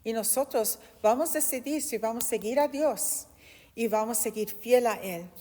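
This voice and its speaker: A woman's voice: a little high, normal speed, mellow. Earnest woman preaching in a reverberant hall. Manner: earnest, impassioned. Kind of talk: sermon with personal testimony.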